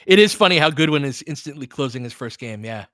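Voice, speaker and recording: In a dry, clean studio recording, a man with a mid-range voice talks fast and animatedly in a fairly bright tone. As host of a basketball film-room audio stream, he offers laid-back live play-by-play and analysis, chats informally with listeners, and urges the players on like a fan.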